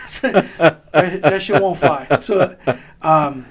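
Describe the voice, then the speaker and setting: A man casually telling a rowdy army story on a podcast, swearing often and laughing as he acts out shouted quotes. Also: on the high side, very slow. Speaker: podcast co-host, army veteran.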